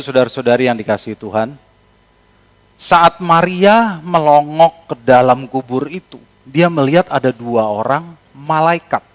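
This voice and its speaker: A man preaching a sermon as pastor, talking conversationally and informally, with joking asides to the congregation. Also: medium pitch. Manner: colloquial, informal. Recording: long hall reverb.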